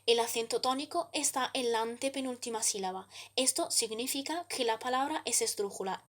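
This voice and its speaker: A woman reading a scripted grammar explanation as a student presenter, measured and steady, slowing down to spell out each example. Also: a little high.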